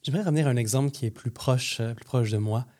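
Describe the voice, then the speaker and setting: A man interviewing a guest, forming long questions with many repeated words and pauses. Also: mid-range voice, mellow.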